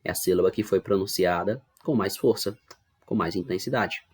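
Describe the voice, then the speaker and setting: Low husky-voiced male teacher. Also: normal speed. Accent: Brazilian Portuguese. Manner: patient, explaining step by step with frequent check-ins. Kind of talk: online classroom lesson. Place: home recording for online class.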